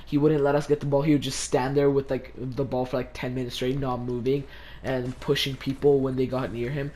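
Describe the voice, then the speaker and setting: A man's voice: mid-range voice, level tone, a little fast, dark tone, slight background noise. A teenage boy casually telling a story to camera, rambling with lots of "like" fillers. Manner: rambling, heavy use of "like". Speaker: vlogger.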